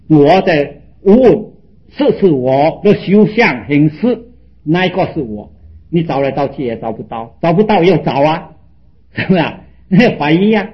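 A man's voice: fairly high pitch, dull audio. A man teaching Buddhism in a dharma talk, telling stories animatedly and pressing his listeners with rising, emphatic questions.

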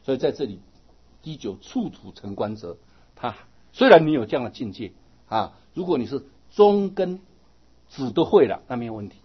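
A man giving a lively Buddhist dharma talk to his students, often asking them "right?" as he teaches. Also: medium pitch, moderate pace, breathy edge, dull audio.

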